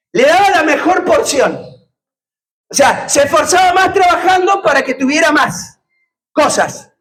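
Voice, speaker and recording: A man's voice: very high voice, fairly bright tone, rough recording. A man preaching a sermon, putting questions to the congregation and joking with them. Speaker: pastor.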